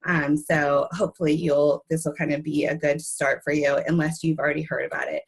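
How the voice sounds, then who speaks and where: Still hoarse after being sick, this young woman speaks low and flat, a little quickly, with a breathy edge. She's giving a webinar presentation for an online conference, peppered with ums and warm side comments.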